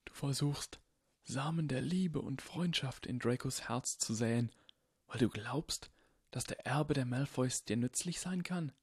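A man voicing an eccentric, kindly old wizard headmaster, speaking softly and unhurriedly. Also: medium pitch, slightly rough, no echo, studio quality, pitched above the performer's own voice. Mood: gentle. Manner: soft, unhurried and gently whimsical. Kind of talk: audiobook character voice.

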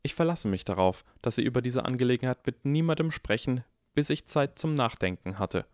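A man's voice: medium pitch, lively intonation, brisk, darkish tone, dry recording, studio quality, pitched above the performer's own voice, lightly acted. A man voicing a strict elderly female professor in a harsh, clipped whisper, reading an audiobook. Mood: tired.

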